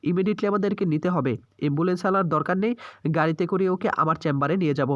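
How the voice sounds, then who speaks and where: A man's voice: high-pitched, quick pace, dry recording, muffled recording, lightly acted. A man voicing a composed young male doctor who takes charge. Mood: urgent. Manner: reassuring, composed.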